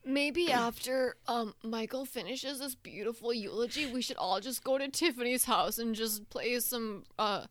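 A woman's voice: a little high, normal speed, few pauses, fairly bright tone, no echo, close to an everyday voice. A woman voicing a brash, unbothered male ghost with a blunt, casual manner in improvised comedy. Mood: demanding.

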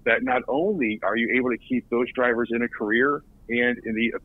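A man's voice: mid-range voice, fairly even intonation, fairly quick, no echo. Earnest man on a tinny phone line. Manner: earnest, repeats words as he restarts. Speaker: recruiting director guest. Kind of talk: podcast interview.

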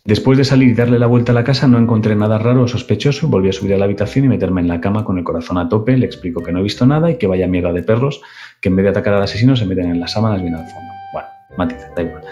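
A man's voice: fairly low pitch, very fast, dark tone, highs cut off, faint music behind. A man co-hosting a casual live-stream show, reading a listener's story aloud and joking and swearing as he goes. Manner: joking, swears freely, comments on the story as he reads. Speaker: podcast co-host reading listener stories.

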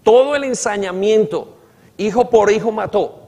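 A man with a high voice preaches a sermon in a church hall, and the sound rings with long reverb. He acts out the quoted dialogue with emphasis and has the congregation repeat lines after him. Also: moderate pace, a little mellow. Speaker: pastor.

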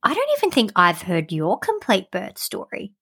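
A young woman co-hosting a podcast, talking in a relaxed, chatty way and leaning on filler words. Her voice is bright and clear, sitting at a middling pitch. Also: moderate pace. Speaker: podcast co-host. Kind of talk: casual chat.

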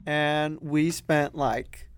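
A young man tells a story on a casual podcast in a relaxed, hesitant way, full of fillers. His voice is slightly high for a man. The recording is dry and close. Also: drawn-out words, clean tone, no room sound. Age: young adult.

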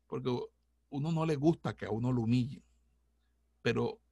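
A middle-aged man, a pastor, giving a heartfelt personal testimony in a halting way, with many restarts. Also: mid-range voice, warm tone, breathy edge, no room sound, clean studio sound.

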